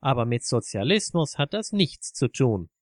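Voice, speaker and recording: An indignant man quick to flare up argues with scorn at a pub table. A man voices him while reading the story aloud. The recording is dry. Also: mid-range voice, big pitch swings, no room sound, lightly acted. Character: indignant left-wing man, quick to anger.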